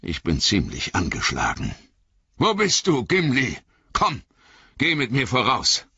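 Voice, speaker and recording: A man's voice: medium pitch, huge pitch swings, unhurried, pushed and bright, slightly rough, no echo, pitched above the performer's own voice, heavily acted. A man voicing a stern, commanding old male wizard who barks urgent orders. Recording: slightly dull lo-fi audio.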